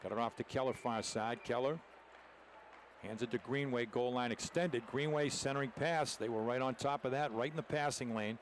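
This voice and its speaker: This hockey play-by-play commentator, a man, keeps his live descriptions short and clipped. His mid-range voice moves at a moderate pace, and the noisy arena broadcast carries rink ambience in the background.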